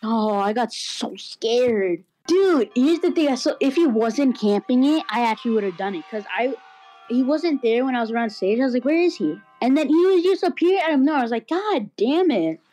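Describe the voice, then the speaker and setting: A woman chatting casually while playing a game with friends, excitable and directing the team. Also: a little high, fairly quick, soft background music. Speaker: game player. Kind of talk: casual gaming chat.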